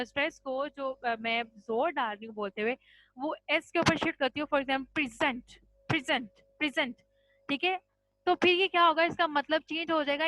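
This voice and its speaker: A woman's voice: sits high, a bit bright, dry recording, rough recording. A woman teaching English grammar in a patient classroom style, mixing Hindi with English terms and checking in with "ठीक है?" after each point. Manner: addresses students as children.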